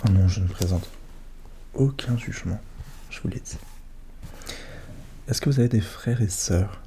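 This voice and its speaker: Soft-spoken man in low, mellow ASMR role-play. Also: unhurried, a little hiss or hum. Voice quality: soft, hushed voice drifting into speaks softly. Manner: gentle, attentive questioning with short murmured acknowledgements. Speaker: ASMR performer role-playing a psychologist.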